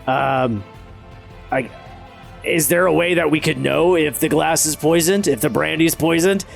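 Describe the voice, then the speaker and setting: A man with a fairly high, gravelly voice talks casually as a tabletop game player. His delivery is halting and hesitant. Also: faint music behind. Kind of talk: casual roleplay chat.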